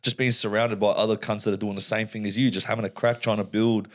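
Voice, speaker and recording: Fast-talking young Australian man. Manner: slangy, animated storytelling with bursts of high voices. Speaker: podcast guest. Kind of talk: casual chat.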